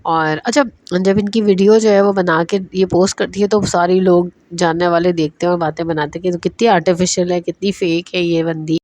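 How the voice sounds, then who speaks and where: A woman's voice: on the low side, fairly even intonation, hardly any pauses, a little mellow, no room sound. A woman casually recapping drama episodes as a reviewer, chatty and hesitant with many fillers.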